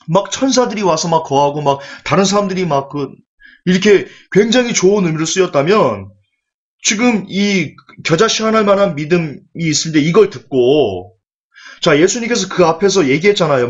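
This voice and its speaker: A man preaching a sermon in an animated, rhetorical way, acting out quoted voices as he goes. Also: sits high. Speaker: pastor. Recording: dull lo-fi recording.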